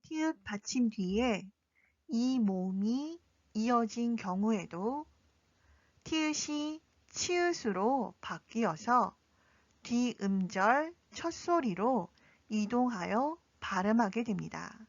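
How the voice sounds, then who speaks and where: A woman gives a pronunciation lesson at an extremely slow, careful pace, stretching out every example word. Her voice sits a little high. The recording is dry and slightly dull, with no room sound. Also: animated, no room sound. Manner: slow, deliberate, drawing out example words. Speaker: Korean pronunciation teacher.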